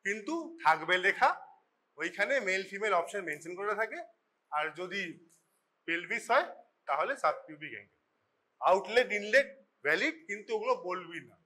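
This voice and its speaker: Bright-voiced Bengali lecturer in class. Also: male voice, high-pitched, lively intonation, moderate pace, pauses often. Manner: chatty, scolding, switches into English mid-sentence. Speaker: forensic medicine lecturer. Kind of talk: informal classroom teaching. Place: college classroom.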